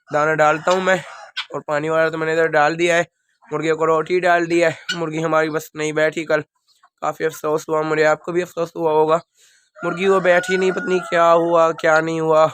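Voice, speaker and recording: A man's voice: on the high side, fairly bright tone. Feverish young man with Pakistani Urdu accent. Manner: plain, rambling talk to viewers. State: feverish, unwell. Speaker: vlogger keeping birds. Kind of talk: casual vlog narration. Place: outdoor rooftop bird enclosure. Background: chickens and birds clucking.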